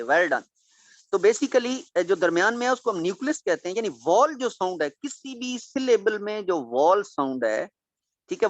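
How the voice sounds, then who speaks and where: A man lectures a class with a very lively, animated pitch. He patiently repeats key points and puts questions to his students. The recording is dry and a little dull. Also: no room sound. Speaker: teacher.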